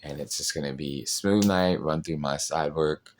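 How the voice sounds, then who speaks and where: A man who works as a restaurant server, telling a story in a casual, animated way with lots of fillers. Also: extremely low pitch, moderate pace, slight background noise. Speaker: podcast host, restaurant server.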